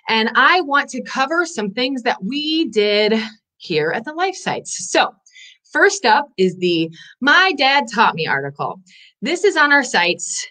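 A woman's voice: high-pitched, pushed and bright. Bubbly, breathless woman hosting a live show. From Northwest Indiana. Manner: bubbly, enthusiastic, talks in quick bursts. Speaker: host.

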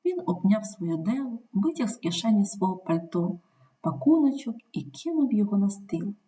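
Mellow woman reading a story aloud. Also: mid-range voice. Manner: measured, expressive storytelling. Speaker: reader. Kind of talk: scripted narration of a story.

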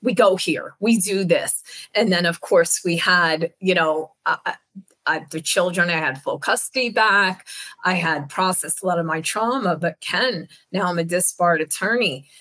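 A woman's voice: fairly low pitch, moderate pace, pushed and bright. A middle-aged woman with a New Jersey accent, candidly telling her own recovery story over a video call. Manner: earnest, reflective, candid. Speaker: keynote speaker, counselor in recovery. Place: home room, indoors.

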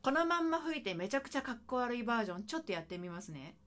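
A woman with a high, bright-pitched voice gives a saxophone lesson. She talks in a lively, chatty way that swings up and down, and she breaks into scat syllables to show the rhythm. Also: very fast. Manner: lively, chatty, sings and scats phrases to demonstrate. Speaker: saxophone teacher. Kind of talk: video music lesson.

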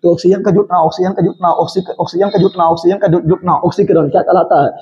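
A man's voice: sits high, fairly even intonation, fast talker, a little mellow. A man teaching a chemistry exam-prep lesson, drilling terms through playful repeated questions and answers. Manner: repetitive call-and-response drilling, playful. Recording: dull lo-fi recording.

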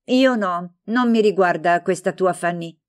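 A woman's voice: fairly low pitch, measured pace, close to an everyday voice. A woman voicing a jealous, sulky young girl who pouts and asks reproachful questions in a storybook reading.

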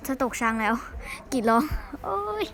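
A woman's voice: fairly quick, fairly bright tone. A young woman hosting her gaming channel, chatting and swearing freely as she comments on the game she is playing at home. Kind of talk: casual live gameplay commentary. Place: room at home with a fan running.

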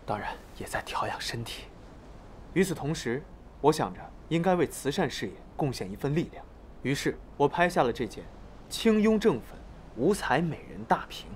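A man's voice: mid-range voice, a little hiss or hum, close to an everyday voice. An actor playing a composed, wealthy young man giving a polite, formal interview statement in a TV drama.

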